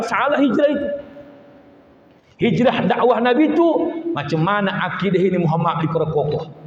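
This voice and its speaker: A man giving a humorous sermon, animated, acting out dialogues in playful voices. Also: sits high. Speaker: preacher. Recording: echoey hall, slightly muffled.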